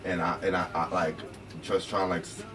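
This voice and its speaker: A man's voice: deep voice, level tone, brisk, crowd noise. A young man from Reading, Pennsylvania, a guest talking in a loose, slangy, profane, rambling way. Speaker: guest, show creator. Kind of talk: casual chat. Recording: distant mic with music playing.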